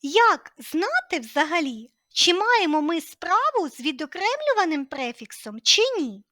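High, lively woman teaching a language lesson. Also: measured pace, no room sound, clean studio sound. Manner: clear, patient explaining with lively emphasis.

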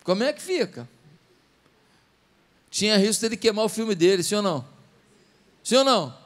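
A man's voice: sits high, lively intonation, normal speed. A man preaching a sermon as a pastor, with a Brazilian Portuguese accent, impassioned and acting out the voices in his stories.

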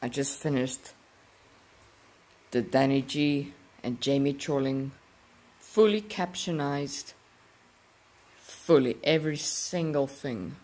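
A man giving a halting, casual video intro, pausing often and asking viewers to subscribe. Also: mid-range voice, darkish tone. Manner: halting, many pauses and fillers, asking to subscribe. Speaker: video uploader.

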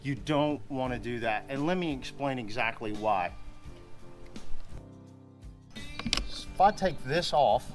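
A man's voice: mid-range voice, lively intonation, slow, pauses often, faint music behind. A man in his forties hosting a car repair vlog from his open garage, chatting casually and repeating "honestly" and "guys" often. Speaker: car repair channel host. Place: open home garage, outdoors by driveway.

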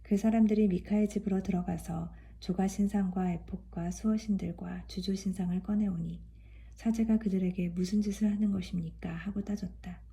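A woman reading scripture aloud in a calm, even way. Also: medium pitch, moderate pace. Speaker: scripture reader.

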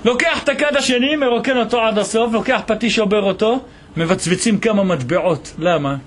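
A man teaching a Torah lesson as a rabbi, telling a story with animated voices for its characters. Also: sits high, a little hiss or hum. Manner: animated storytelling, voicing the people in the tale.

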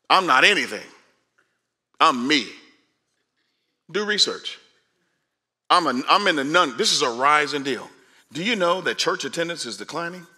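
Bright-voiced preaching man. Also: on the high side. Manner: animated, conversational preaching, shifts from loud to hushed. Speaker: pastor. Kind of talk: sermon. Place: large church stage.

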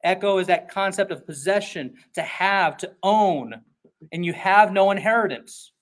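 Delivering an expository sermon, this high-pitched male pastor keeps a conversational but emphatic tone. He frequently slips into brief, acted-out character voices.

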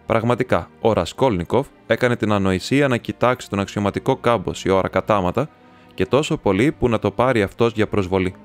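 A man's voice: on the low side, faint music behind. A man reading a classic novel aloud as an audiobook, lightly changing his tone for the characters' lines. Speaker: audiobook reader.

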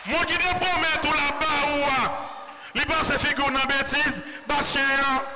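A man with a Haitian accent, a priest delivering a fervent sermon in church and often shouting out to the congregation. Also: extremely high pitch, flat delivery, a little slow, over a noisy crowd. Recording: loud background noise.

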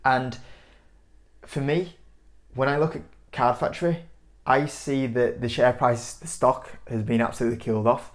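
A man's voice: mid-range voice, fairly even intonation, normal speed. A young man in his twenties hosting an investing channel, talking casually to camera in front of a whiteboard indoors, rambling with lots of "you know" and gesturing as he speaks. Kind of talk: casual stock commentary to camera.

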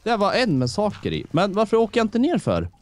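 A man's voice: sits high, wildly swooping pitch, a little mellow, a little hiss or hum. A man co-hosting a casual Let's Play, laid-back with dry self-mocking remarks. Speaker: gaming channel co-host.

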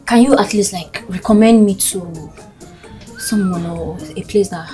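A woman's voice: mid-range voice, lively intonation, unhurried, mellow, soft background music, natural voice. An actress with a Nigerian accent playing a lovesick, dramatic, determined young woman in a comedy skit. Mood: shy, hesitant. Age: young adult. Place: outdoors in a street and inside a small shop.

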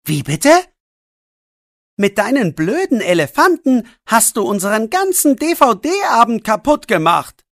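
Sarcastic teenage boy voiced by the narrator, slow and clear. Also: medium pitch, very animated, no echo, clean studio sound, pitched above the performer's own voice. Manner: scolding, sarcastic. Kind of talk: audiobook role voice.

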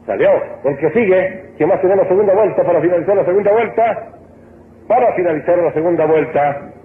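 A man with an Ecuadorian accent hosting a live call-in joke show on the radio, brisk and barking cues at callers. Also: high voice. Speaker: radio host. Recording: old tinny radio broadcast, echoey, noisy.

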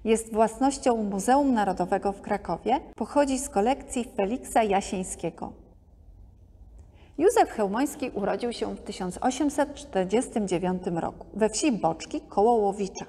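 A woman narrating a museum art-history podcast in a calm, measured scripted reading. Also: medium pitch. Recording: long hall reverb.

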